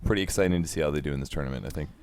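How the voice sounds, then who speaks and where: A man analyzing esports teams at a broadcast desk in a quick, upbeat way. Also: extremely low pitch, darkish tone, slight background noise.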